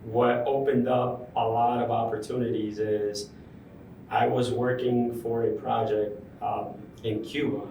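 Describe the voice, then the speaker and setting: A casual interview finds a young construction project superintendent reflecting on his career path, his medium-pitched speech peppered with fillers, pauses, and restarts. He's the guest, seated in a large university-center room. Sound is roomy and distant, with faint ambience and a touch of hiss or hum.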